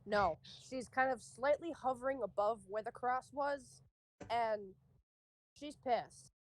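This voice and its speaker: Slow-talking woman game master. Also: fairly high pitch, rough recording. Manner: swearing, laughs often, playful. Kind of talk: narrating a tabletop game.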